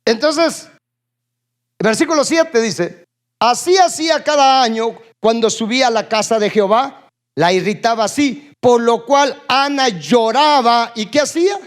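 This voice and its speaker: A man preaching a sermon to a congregation. He keeps asking the room questions and calling for responses, swinging between loud bursts and low asides. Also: measured pace. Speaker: pastor. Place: church.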